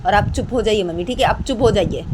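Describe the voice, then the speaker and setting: A woman's voice: mid-range voice, quick pace, background noise, pitched above the performer's own voice, lightly acted. Woman doing a stern commanding father. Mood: firm. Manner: firm, commanding, repeats "theek hai". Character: stern middle-aged father defending daughter-in-law.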